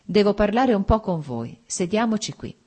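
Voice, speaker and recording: Woman reading a frantic wife begging for answers, voice pushed higher, husky edge, audiobook. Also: sing-song, moderate pace, a little mellow. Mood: pleading. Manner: pleading, urgent, emphatic. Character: distressed loyal married woman, pleading.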